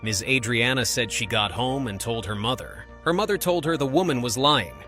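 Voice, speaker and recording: A male narrator delivers a scripted recap in a mid-pitched voice. Music plays faintly underneath him throughout. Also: lively intonation, moderate pace, bright, forceful tone. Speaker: narrator recapping a court show. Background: background music.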